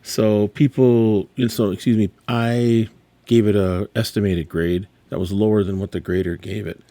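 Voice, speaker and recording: Exasperated man rambling in a low, dark voice. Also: steady tone, moderate pace, no echo. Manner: rambling, exasperated, self-correcting. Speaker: sports card dealer. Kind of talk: casual card grading reveal vlog.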